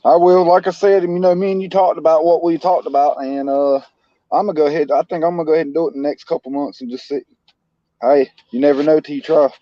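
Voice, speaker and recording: A man's voice: fairly high pitch, steady tone, fast talker, dry recording. A man joining a stream as a guest, talking in an easygoing, plain-spoken way over a video call. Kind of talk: casual chat. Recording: dull lo-fi call audio.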